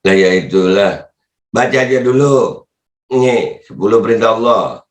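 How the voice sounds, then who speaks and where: A political commentary vlogger reads out comments in casual Jakarta slang, mocking them as he goes. His expressive, unhurried voice jumps sharply upward when he teases, he laughs often, and the sound is reverberant.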